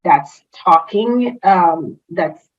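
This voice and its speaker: This woman has a lowish, animated voice and draws out her words, and the recording has its highs cut off. She's a guest on a casual interview, an HR consultant whose first language is French. Raised in a Haitian family speaking French and Creole, she talks enthusiastically with lots of fillers and restarts.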